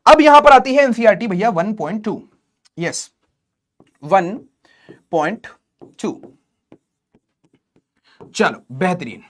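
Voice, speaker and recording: A man's voice: sits high, animated, slow pace, long pauses, fairly bright tone. A man teaching math in a live online class, joking and teasing students between explanations.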